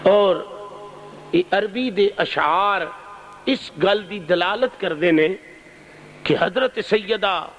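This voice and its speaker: High-pitched impassioned preacher. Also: male voice, fairly bright tone, dull audio, slight background noise. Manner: impassioned, rising and falling, drawn-out cries. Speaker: religious preacher. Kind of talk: emotional sermon.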